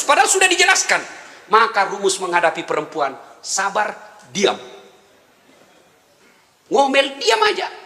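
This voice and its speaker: A middle-aged man delivers a joking, animated sermon. His voice sits high and rings bright. It carries through a large reverberant hall with a faint hum of ambience. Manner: animated storytelling with jokes and voiced quotes. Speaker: preacher. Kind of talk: humorous sermon.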